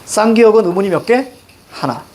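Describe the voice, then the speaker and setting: Male teacher, classroom lesson, high voice, very animated, quizzing students, faint background noise. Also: brisk. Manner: lively, questioning students, repeating key words.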